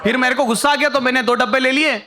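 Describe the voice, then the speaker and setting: A man's voice: very high-pitched, steady tone, very fast, background noise. A young man performing a stand-up comedy set on stage, telling a story and acting out the other people in it. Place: stage before a live audience.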